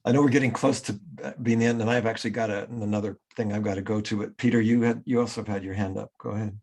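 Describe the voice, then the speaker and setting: Relaxed low guy wrapping up a call, a bit husky. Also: fast. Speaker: featured guest and moderator. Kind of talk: video call discussion.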